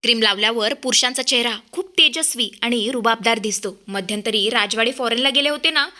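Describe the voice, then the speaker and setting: A determined young wife talks in a firm, cutting way, her voice a touch high and very bright. A woman narrating the plot puts her on in passing. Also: fairly quick. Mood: coaxing.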